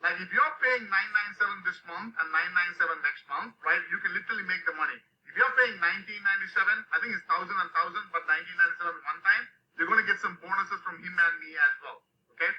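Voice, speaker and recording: A man from Sri Lanka who grew up in India hosts a live online session, pitching a course to viewers in an upbeat, pushy way, tagging his sentences with "okay?" and "right?". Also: quick pace, hardly any pauses. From Sri Lanka, raised in India. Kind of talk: live webinar sales pitch. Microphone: video call microphone. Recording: dull lo-fi video call audio.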